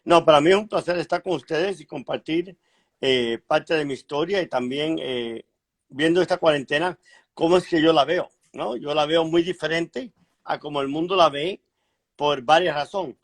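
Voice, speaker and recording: A middle-aged man from Cuba tells his story as a guest author. His voice sits a little high, and he speaks in a frank, measured way with hesitations. He is heard over a video call. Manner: frank, measured, frequent hesitations and throat clearing. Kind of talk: conversational interview storytelling.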